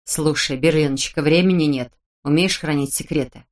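A woman narrator voicing a sly, self-assured young woman who teases her friend in a low, hushed way in an audiobook. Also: moderate pace, natural voice. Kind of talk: audiobook character voice.

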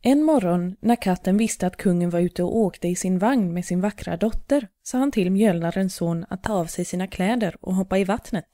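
Female storybook narrator: calm, even, warm dark tone, dry close recording. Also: medium pitch, hardly any pauses, dry recording.

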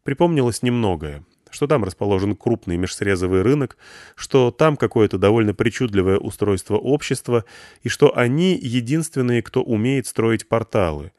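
Expressive male audiobook narrator. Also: medium pitch, normal speed, dry recording, clean studio sound. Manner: expressive, varied intonation. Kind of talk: scripted narration.

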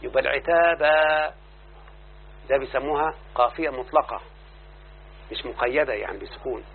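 A man's voice: mid-range voice, moderate pace, vocal fry, slight background noise. Egyptian man teaching grammar, tinny recording. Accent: Egyptian Arabic. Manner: explains then checks the class with repeated questions. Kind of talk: classroom grammar lesson.

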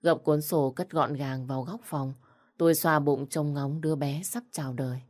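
Low-voiced woman narrating a story. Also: steady tone, moderate pace, a little mellow.

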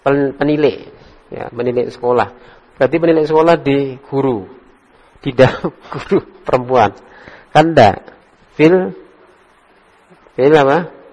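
A man teaching an Arabic class in a relaxed way, correcting his students. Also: medium pitch, a little slow, long pauses. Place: study hall. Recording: dull echoey hall recording.

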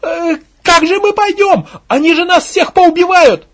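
A man's voice: a little slow, a bit bright, exaggerated voice. A man voicing a hysterical village woman who cries out in panic. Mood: panicked. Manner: shrill, panicked.

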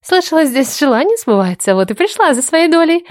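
A woman's voice: sits high, big pitch swings, a little fast, voice pushed up. A woman voicing a mocking, sly shapeshifting young woman in an audiobook. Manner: sneering and teasing.

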